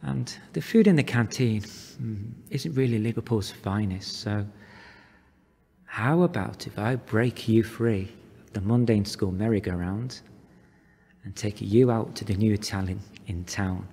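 A man's voice: lowish voice, a little slow, vocal fry, mellow, slightly rough, long reverb tail. A man acting a cocky, flirtatious role in a scripted drama scene. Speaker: actor in a scene.

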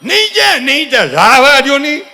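A man voicing an anxious, overprotective family member who keeps fussing over a toddler with shrill, repeated warnings. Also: big pitch swings, moderate pace, pushed and bright, slight background noise, full character voice. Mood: fretful. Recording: reverberant live stage hall.

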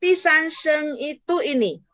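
A woman's voice: high-pitched, lively intonation, measured pace, sharp tone, no room sound. A woman teaching Hakka in an online class, patiently modeling tone syllables for learners to repeat and checking in with them often. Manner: keeps checking understanding with "ya".

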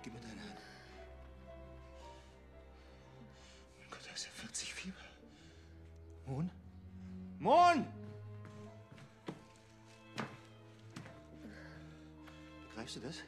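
A middle-aged actor playing a mild, anxious father figure in a film comedy, fretful and excitable. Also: medium pitch, quick pace, music in the background, natural voice. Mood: alarmed. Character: anxious, mild-mannered bachelor, adoptive father of a magical creature.

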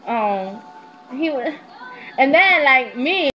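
A high-voiced young woman in her twenties, animated but slow, swears freely and uses slang while casually confessing personal stories to her webcam as a vlogger. Soft background music plays in her small room at home. The netbook's built-in webcam mic produces dull, lo-fi audio.

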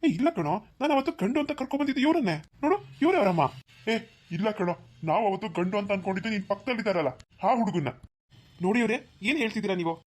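A woman voicing a stern, husky cartoon father. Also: medium pitch, expressive, very fast, a little mellow, close to an everyday voice. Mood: firm. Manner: firm and commanding. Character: stern, protective middle-aged father of the bride. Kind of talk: cartoon voice acting.

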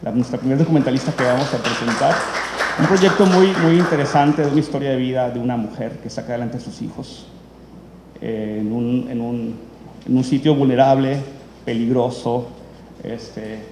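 A man's voice: medium pitch, normal speed. A man, hosting an event and introducing documentaries in unscripted speech, full of fillers and restarts. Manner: rambling, many fillers and restarts. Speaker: event host presenting documentaries. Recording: echoey hall, faint room noise.

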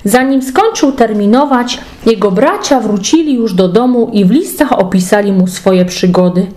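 A woman's voice: medium pitch, normal speed, darkish tone. A woman reading a fairy tale aloud as a storyteller. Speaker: storybook reader.

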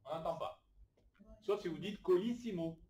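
A man's voice: high voice, lively intonation, darkish tone, distant mic. Encouraging male literacy teacher, echoey room. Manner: encouraging, sounds words out slowly. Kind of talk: classroom phonics lesson. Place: classroom with adult learners. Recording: echoey room, recorded from afar.

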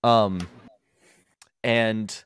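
A man narrating as game master for a tabletop game, pausing often with ums and uhs. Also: fairly low pitch, steady tone, smooth, dry recording, clean studio sound. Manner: halting, with many ums and uhs.

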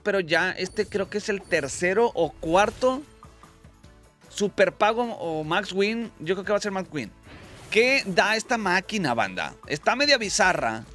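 A man with a Mexican accent giving excitable, slangy commentary on slot machine spins as the channel host. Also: sits high. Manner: excitable, slangy, exclaims at wins. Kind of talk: casual gambling commentary.

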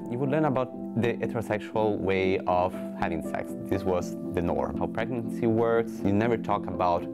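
A young Italian man speaks English in a very low voice, pausing often as he talks candidly. He sits for a studio interview with a lapel mic. Music plays softly beneath him. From Italy. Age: 20s. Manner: hesitant, candid, speaks in short pauses. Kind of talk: to-camera interview. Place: studio with blue backdrop. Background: background music.

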